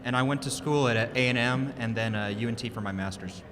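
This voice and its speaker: A man from Texas, an instructional coach, giving thoughtful, measured answers in an interview. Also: mid-range voice, a bit bright. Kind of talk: conference interview. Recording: crowd chatter behind.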